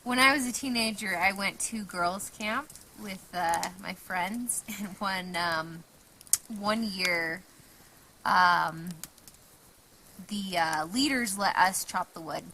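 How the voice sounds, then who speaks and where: A woman telling a camping story in a relaxed, casual way, with fillers, outdoors at a winter campsite. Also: medium pitch, slow pace, slight background noise, rough recording. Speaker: host's wife.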